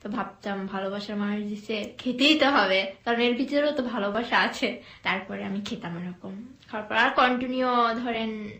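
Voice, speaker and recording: A young woman from Bangladesh recounts her own story in a relaxed interview. Her voice sits at a middling pitch and comes across soft and hesitant, broken up by pauses and fillers. The room around her is noticeably echoey. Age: young adult. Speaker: guest telling her life story.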